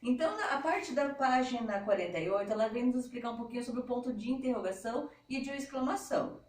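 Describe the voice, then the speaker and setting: A woman's voice: on the high side, lively intonation, fast. A woman teacher giving a patient, step-by-step lesson to schoolchildren. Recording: echoey room, mic at a distance.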